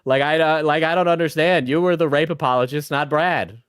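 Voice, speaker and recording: A man's voice: a little high, a little fast, a bit bright, clean tone. Blunt, mocking male commentator. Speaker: commentator reacting to a video. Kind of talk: casual reaction commentary.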